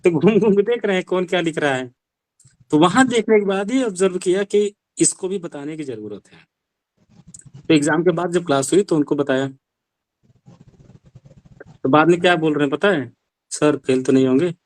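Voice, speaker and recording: A man's voice: sits high, normal speed, long pauses, dry recording. A male Sanskrit teacher giving an online language class, explaining step by step and asking rhetorical questions.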